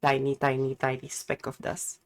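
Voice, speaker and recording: A woman's voice: extremely low pitch, completely flat delivery, normal speed. A woman livestreamer rambling casually, full of "like" and swearing, with an itchy, coughing throat. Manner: rambling, heavy use of "like", swearing. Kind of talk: casual stream chat reacting to clips.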